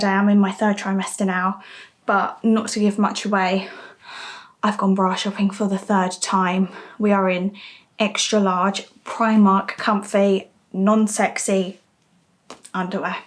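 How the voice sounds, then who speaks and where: A woman's voice: medium pitch, flat delivery, unhurried. A young woman talking casually to camera for her vlog, chatty and candid with little asides, audibly out of breath. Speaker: vlogger.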